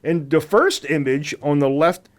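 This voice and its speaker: Man, podcast co-host; slightly higher voice, profane and lively. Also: measured pace. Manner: profane, animated when acting out scenes. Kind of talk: casual chat.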